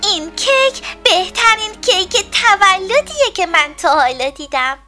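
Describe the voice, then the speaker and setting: A kind big-sister kitten from a children's storybook. Her voice sits very high and bright, with a lively lilt. She speaks slowly and sweetly. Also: soft background music, full character voice.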